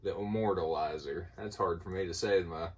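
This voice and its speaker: Low-voiced man with Appalachian hillbilly accent. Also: fairly even intonation, fast, breathy edge. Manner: folksy, informal. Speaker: movie collector showing a haul. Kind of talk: casual rambling haul vlog. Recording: voice distant from the mic.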